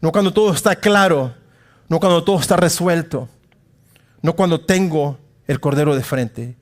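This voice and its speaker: A man preaching a sermon in church, talking straight to his congregation with casual humor and dramatic swings from loud calls to hushed asides. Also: a little high, normal speed. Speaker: pastor.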